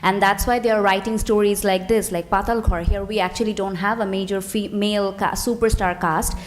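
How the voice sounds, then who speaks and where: A woman's voice: mid-range voice, fairly even intonation, brisk. Confident woman actor. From Bangladesh. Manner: fluent, confident, emphatic. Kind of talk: panel discussion.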